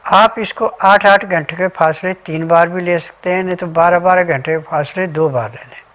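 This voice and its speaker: A man's voice: sits high, moderate pace, a bit bright. A man giving an instructional health talk as a remedy advisor, methodically listing ingredients and diet rules step by step.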